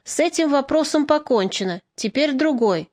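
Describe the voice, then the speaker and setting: A woman voicing a calm, shrewd partisan commander. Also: high-pitched, no echo, studio quality, voice pushed up. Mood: measured. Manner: measured, quietly persuasive. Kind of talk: audiobook reading.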